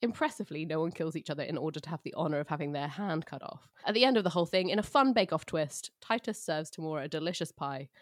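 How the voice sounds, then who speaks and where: A woman's voice: sits low, no echo. Sardonic woman, dry close sound. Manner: sardonic, jokey, acts out quotes. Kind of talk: comic plot recap.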